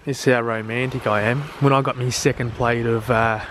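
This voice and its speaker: A man's voice: medium pitch, level tone, a little fast, a bit bright, slight background noise. An Australian man talking casually on a travel vlog, blunt and crude, swearing freely and joking about himself. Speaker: travel vlogger.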